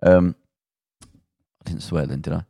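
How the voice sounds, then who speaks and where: Give me a very low-pitched man chatting loosely as a podcast host. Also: steady tone, a little slow, vocal fry, warm tone, no echo. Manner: loose, laughing, trails off and restarts. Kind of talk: casual chat.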